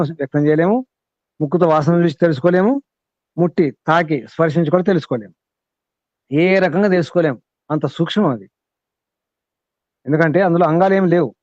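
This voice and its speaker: A man's voice: a little high, a little mellow, no room sound. A man leading a scripture class and explaining verses, with repeated phrases and questions put to his students. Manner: repetitive, questioning, emphatic teaching. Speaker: teacher of scripture. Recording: dull lo-fi dry sound.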